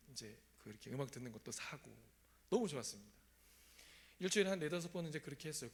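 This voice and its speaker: In a church sanctuary, a pastor preaches a sermon with personal testimony, sharing his own story in a conversational way and often putting questions to the congregation. His voice is medium in pitch with a breathy edge.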